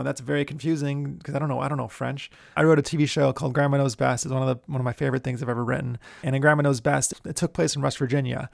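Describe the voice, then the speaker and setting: A man who hosts a screenwriting show, giving writing tips in a relaxed, chatty way. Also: mid-range voice, gravelly, no echo, clean studio sound. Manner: relaxed, chatty, many fillers. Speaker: screenwriter and podcast host. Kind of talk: casual instructional talk.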